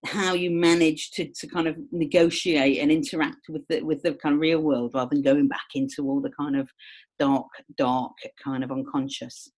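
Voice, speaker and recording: A woman's voice: low-pitched, normal speed. A woman explaining ideas in a casual, rambling chat, full of fillers and self-mocking asides. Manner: rambling, full of "kind of" and "you know"; chatty, self-mocking, lively.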